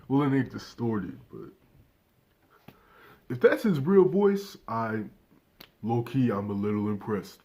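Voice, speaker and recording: This nineteen-year-old man has a medium-pitched, dark-toned voice and runs a reaction channel, offering casual commentary directly to viewers. He's relaxed, curses freely, and records without a proper microphone.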